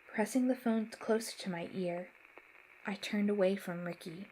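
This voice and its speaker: A woman reading a first-person horror story aloud in a measured, dramatic way. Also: medium pitch, a little mellow, slight background noise, poor audio. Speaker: story narrator. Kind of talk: scripted horror narration.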